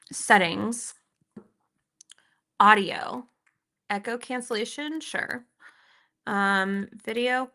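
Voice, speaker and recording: Bright, giggly woman streaming live. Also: on the high side. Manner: chatty, giggly, talks to her viewers while fixing her audio. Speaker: livestream host reacting to videos. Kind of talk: casual live-stream chat. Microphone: laptop built-in microphone.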